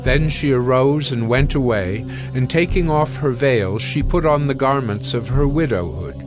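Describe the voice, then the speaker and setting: Soft music underlies a man's scripture narration, delivered like a scripted audio drama. He speaks at a normal speed with a medium male pitch.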